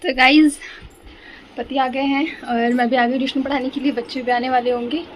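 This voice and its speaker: A woman's voice: high voice, fairly even intonation, normal speed, slight background noise, rough recording. A young woman chatting casually to her viewers in a vlog, confiding and talkative. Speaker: vlogger and home tuition teacher.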